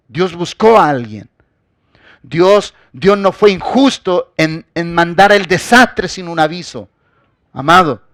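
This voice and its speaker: A man preaching a sermon as pastor. He addresses the congregation directly and swings between loud, forceful emphasis and quiet asides. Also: mid-range voice, dry recording, clean studio sound.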